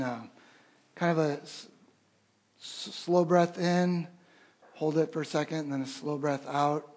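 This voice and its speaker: Slow, husky-voiced man leading prayer. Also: fairly high pitch. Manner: slow, gentle, soft-spoken guiding with pauses. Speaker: pastor. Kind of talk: sermon, leading a breath prayer.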